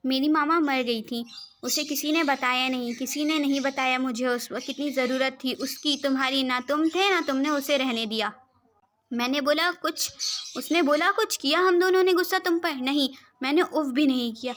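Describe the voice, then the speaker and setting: A woman's voice: sits high, moderate pace, fairly bright tone, slight background noise. A woman voicing a fiery, blunt young woman who scolds and demands answers, in a storybook role reading. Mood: scolding.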